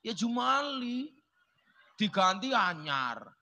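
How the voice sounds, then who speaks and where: Bright high-voiced joking Javanese preacher. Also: male voice, big pitch swings, takes it slowly, slight background noise. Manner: joking, chats with the audience, slips into Javanese. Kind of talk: humorous sermon to a village crowd.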